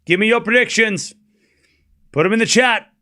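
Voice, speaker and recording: A man with a hoarse smoker's rasp, giving casual live tennis commentary and chatting informally with viewers, often repeating scores and phrases. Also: sits high, moderate pace, sharp tone. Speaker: host of a live tennis watchalong.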